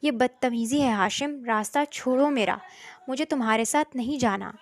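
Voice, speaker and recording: A woman's voice: on the high side, a little mellow, close to an everyday voice. A woman reading a storybook voicing a frightened but defiant young woman who protests sharply.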